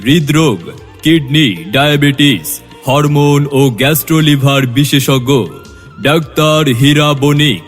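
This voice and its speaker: A male announcer giving a scripted promotional announcement over a PA loudspeaker, in a measured, declaiming delivery. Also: a little high, level tone. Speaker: advertisement announcer. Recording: long reverb with music bed.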